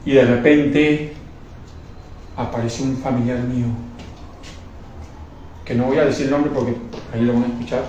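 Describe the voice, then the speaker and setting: A man gives an emotional religious testimony with fervor, repeating himself and often stumbling into restarts. His voice is medium-pitched, steady and darkish at a moderate pace with long pauses. The muffled recording has an echoey room, a distant mic and faint noise.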